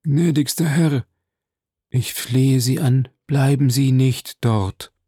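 A man's voice: on the low side, fairly even intonation, moderate pace, gravelly, darkish tone, no room sound, clean studio sound. A man voicing a terrified, superstitious male steward who stammers and pleads. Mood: pleading.

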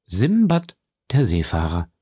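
A man's voice: on the low side, huge pitch swings, takes it slowly, darkish tone, slightly rough, no room sound, clean studio sound, full character voice. A man voicing a pleading, grateful young woman. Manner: pleading and emotional.

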